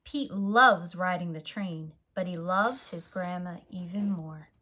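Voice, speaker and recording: A woman reading a children's picture book aloud as a teacher, in a deliberate, animated way for young listeners. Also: fairly low pitch, a little hiss or hum.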